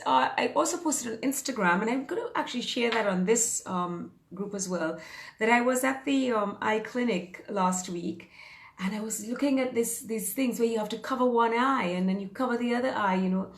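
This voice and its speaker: Her fairly high voice sounds roomy through a phone or webcam on a live stream. A woman in her fifties who coaches fitness and mindset, she keeps things casual and upbeat, wandering off track with plenty of fillers.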